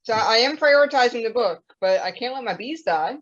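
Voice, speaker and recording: A woman's voice: a little high, lively intonation, fairly quick. A young woman chatting casually on a podcast, rambling with plenty of fillers. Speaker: podcast co-host. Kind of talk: casual chat. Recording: dull lo-fi audio.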